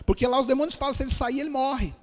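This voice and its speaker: A man with a very high-pitched, racing, slightly mellow voice and a Brazilian Portuguese accent. He's a pastor delivering an earnest testimony sermon, addressing his listeners as dear ones. The recording carries a long hall reverb.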